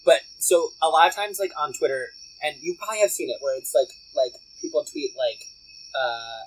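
A man's voice: on the high side, normal speed, husky, poor audio. A man co-hosting a casual movie podcast, emphatic and rambling, full of fillers. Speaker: podcast co-host.

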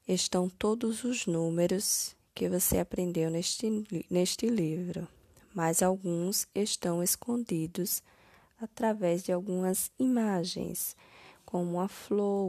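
A woman teacher, slowly correcting first-grade homework step by step, stressing each word. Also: lowish voice, creaky, warm tone, no room sound, studio quality.

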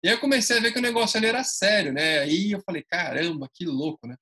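Animated, husky São man. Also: sits high, very fast. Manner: animated, acts out dialogue. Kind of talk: casual storytelling.

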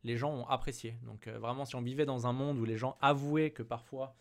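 A man's voice: mid-range voice, fairly even intonation, a little fast. A man hosting an interview, friendly and informal, reading questions from a live chat.

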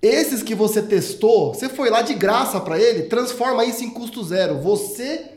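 A man's voice: high voice, expressive, normal speed. A man hosting a podcast in an expansive, joking way. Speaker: podcast host. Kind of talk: casual podcast chat. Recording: roomy echo.

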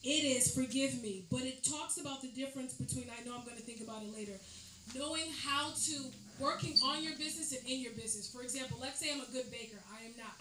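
A woman's voice: sits high, fast talker, a crowd in the background. Woman giving earnest money advice, echoey room. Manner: earnest, advising, conversational. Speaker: panel speaker on money and business. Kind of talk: live panel talk. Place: event space with live audience. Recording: echoey room with ambient noise.

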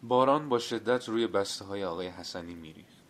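A man narrating a literary short story in a steady, measured storytelling manner. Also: on the low side, slight background noise.

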